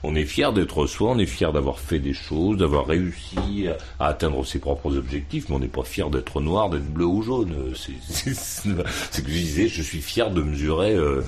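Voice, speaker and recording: A man's voice: a bass voice, lively intonation, normal speed, hardly any pauses, darkish tone, slight background noise. A man calling in over the phone to a radio debate, blunt and slangy, laughing at his own points. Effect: heard over the phone.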